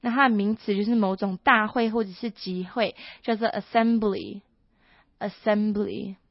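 A woman teaching English vocabulary, explaining pronunciation and repeating each word slowly. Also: mid-range voice, fairly even intonation, no echo. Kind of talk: vocabulary lesson. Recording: dull lo-fi dry recording.

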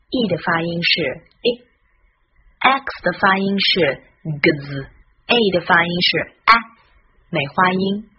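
A woman hosting a recorded English lesson, speaking slowly and carefully as she spells out letters and sounds. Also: fairly low pitch. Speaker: English teacher and host. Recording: dull lo-fi recording with faint noise.

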